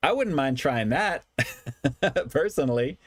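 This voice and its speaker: A man's voice: a little high, lively intonation, slow, slightly rough, no room sound, studio quality. A man hosting a food review livestream, chatting casually with viewers and often repeating his phrases for emphasis. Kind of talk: casual livestream chat, reading and answering comments.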